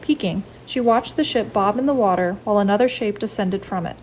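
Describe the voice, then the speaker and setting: A woman with an American accent reading her own novel aloud, audiobook-style, in a soft, quiet, steady narration. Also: mid-range voice, a little fast, slight background noise, rough recording.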